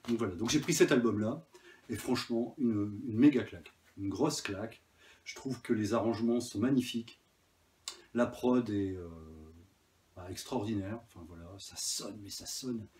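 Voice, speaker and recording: In a casual chat, a man who vlogs about collecting vinyl talks about his latest records with enthusiasm, hesitating often and filling pauses. He speaks at a moderate pace in a somewhat low, slightly mellow voice.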